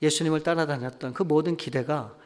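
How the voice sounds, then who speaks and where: High-voiced pastor preaching in a church hall. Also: male voice, fairly even intonation, a little fast, a little mellow. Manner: emphatic preaching with rhetorical questions to the congregation. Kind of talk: sermon. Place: church sanctuary. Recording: long church hall reverb.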